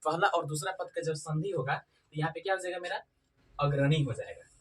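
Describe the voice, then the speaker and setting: A man teaching a grammar lesson, repeating key points and asking his students questions, slowing down to spell out individual sounds. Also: on the high side, far from the mic. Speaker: Sanskrit teacher. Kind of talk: classroom-style grammar lesson.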